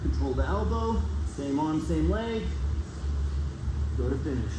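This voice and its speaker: A man's voice: on the high side, expressive, unhurried. A man coaching a martial arts class, demonstrating moves with short, direct commands and casually checking that students follow. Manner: casual, checks understanding often. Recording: echoey room with clear background noise.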